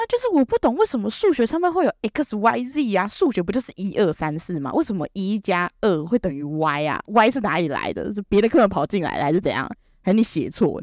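A young woman telling a comic story about herself to camera, animated and self-mocking, full of quick restarts. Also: lowish voice, no room sound, studio quality. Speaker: vlogger.

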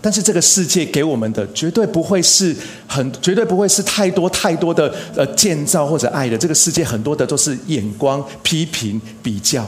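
A man delivering a sermon as a pastor, earnest, stressing phrases by slowing down and lifting his voice. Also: fairly high pitch, animated. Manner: earnest, preaching with emphatic rises and slow stressed phrases.

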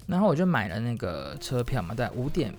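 一位台湾国语口音的男生，随性地讲自己的经历，边说边改口，激动时声音一下拔高。. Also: male voice, quick pace, soft background music. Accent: Taiwanese Mandarin. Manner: rambling, frequent self-corrections and restarts; animated, jumps to high excited exclamations. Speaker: solo podcaster. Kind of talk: casual storytelling monologue.

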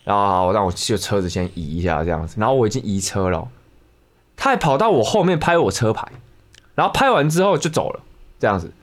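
Rambling Taiwanese man, lively fast storytelling. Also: lowish voice. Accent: Taiwanese Mandarin. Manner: rambling, many restarts and repeated words. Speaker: podcast co-host. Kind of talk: casual storytelling chat.

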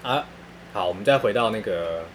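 A man's voice: fairly low pitch, animated, moderate pace, a little hiss or hum. A man with a Taiwanese Mandarin accent telling funny stories in casual chat, laughing often and using crude slang.

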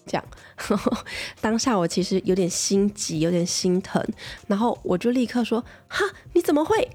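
A woman's voice: medium pitch, moderate pace, a little mellow, faint music behind. A woman in her thirties, a mother and pediatrician with a Taiwanese Mandarin accent, chatting casually as she tells a family story and keeps checking that listeners agree.

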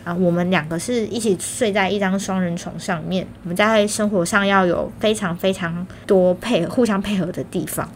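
A woman's voice: mid-range voice, fairly even intonation, moderate pace, few pauses, slight background noise. Young Taiwanese woman slightly slurred by braces. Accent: Taiwanese Mandarin. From Kaohsiung, Taiwan. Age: young adult. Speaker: vlogger. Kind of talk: casual personal storytelling.

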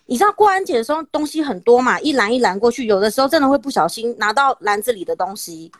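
A woman's voice: fairly high pitch, fast talker, no echo, clean studio sound. A woman in her thirties with a Taiwanese Mandarin accent, hosting a podcast and telling a dramatic story in casual chat. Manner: dramatic, animated storytelling with laughs. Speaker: podcast host.

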